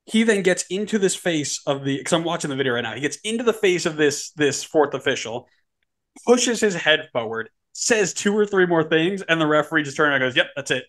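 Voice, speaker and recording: A man co-hosting a casual soccer podcast, telling stories in an animated way, his pitch climbing as he gets excited. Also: a little fast. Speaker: podcast co-host.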